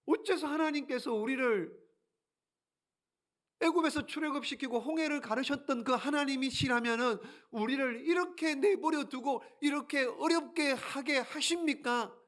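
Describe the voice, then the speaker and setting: Man doing a frightened young farmer, high-pitched, complaining, pleading questions. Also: moderate pace, fairly bright tone. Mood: protesting.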